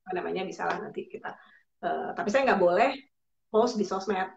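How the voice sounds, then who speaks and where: A woman's voice: on the low side, brisk, vocal fry, a little mellow, reverberant. A woman hosting a live online chat, explaining therapy to parents in a patient, advising way with many fillers. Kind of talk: casual Facebook Live chat. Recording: dull lo-fi livestream audio.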